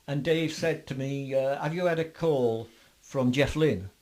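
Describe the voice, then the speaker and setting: An older man, a bass player being interviewed, telling long rambling stories with lots of fillers and restarts. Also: a little slow, a little mellow. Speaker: guest musician, bassist. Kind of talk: interview storytelling.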